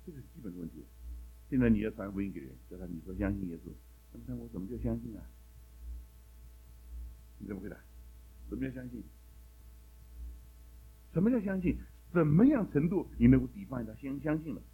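A man's voice: mid-range voice, animated, fast talker, long pauses, breathy edge, phone-quality sound. A man teaching a Bible class in a sermon style, asking the class one question after another and mixing English words into his talk.

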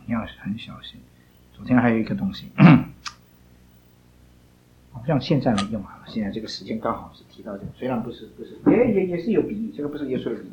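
Male Bible class teacher, mid-pitched, stern and questioning. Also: muffled recording, a little hiss or hum. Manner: scolding, drilling students with rhetorical questions.

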